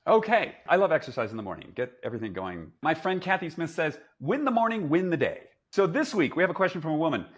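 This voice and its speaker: A man's voice: a little high, big pitch swings, fast talker, hardly any pauses, slightly rough. A man in his sixties hosting a casual panel chat, asking questions to move the talk along. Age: 60s. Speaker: host.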